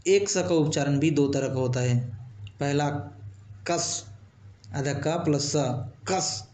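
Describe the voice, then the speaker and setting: Man, patient teacher, slightly high voice, roomy echo. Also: darkish tone, slight background noise. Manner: patient, repeats example words slowly. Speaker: English teacher. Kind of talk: alphabet pronunciation lesson.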